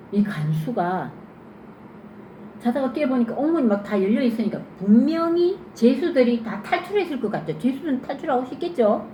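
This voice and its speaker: Mellow-voiced woman preaching to kids. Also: a little high, normal speed. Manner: lively questioning, acts out scenes. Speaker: children's sermon teacher. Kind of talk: interactive Bible sermon for children. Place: church. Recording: echoey church room, faint noise.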